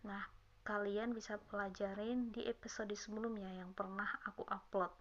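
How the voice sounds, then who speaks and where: A woman giving a casual online language lesson, chatting with viewers and repeating example words slowly and carefully. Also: medium pitch, fairly even intonation. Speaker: language teacher. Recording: dull lo-fi sound.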